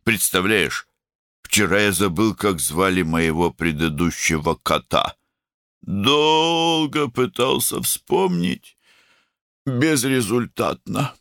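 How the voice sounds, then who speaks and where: A man doing a soft, slow old gentleman. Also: lowish voice, expressive, dry recording, studio quality, voice pushed up, heavily acted. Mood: mild.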